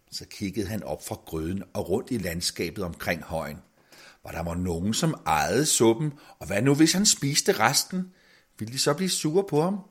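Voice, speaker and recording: A man with a low, husky voice reads a fairy tale aloud. His delivery is expressive, and his pitch rises and falls widely. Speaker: storyteller.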